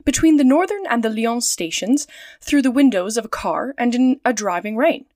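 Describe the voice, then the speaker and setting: A woman doing an excitable French manservant. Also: normal speed, dry recording, clean studio sound, natural voice. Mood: chatty. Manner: exclaiming, chatty, pitch jumping up.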